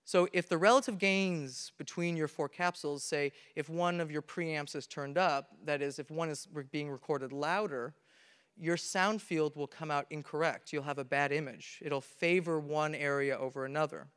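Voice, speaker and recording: Slightly high and smooth, with a fairly bright tone, this young man's voice keeps a fairly even intonation at a normal pace. He's a conference presenter giving a technical talk into a handheld mic, explaining earnestly step by step with many restarts, recorded from a camera in a large, echoey hall with an audience.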